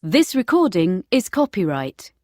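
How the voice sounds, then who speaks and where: A woman reads the formal opening credits of a study recording, her pitch moving in a lively way. The sound is dry and close. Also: measured pace, no room sound. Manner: formal, announces each title. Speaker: recording announcer. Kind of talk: formal audio intro.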